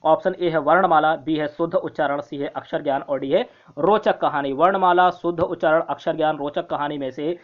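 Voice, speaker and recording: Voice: mid-range voice, steady tone, fairly quick. Methodical quiz teacher, dull lo-fi sound. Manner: repeats each question and its options, often checking in with "thik hai"; tells viewers to note down each answer. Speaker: online exam-prep teacher.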